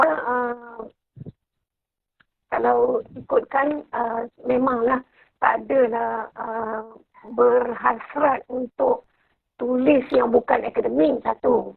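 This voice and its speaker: A woman in her fifties joins a live-stream interview over a video call. Her voice sits high and carries a gravelly, husky texture. She speaks softly and haltingly, and the lo-fi call audio is dry and dull. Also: steady tone, no echo. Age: 50s. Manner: soft-spoken, hesitant with many pauses. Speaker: guest, university professor.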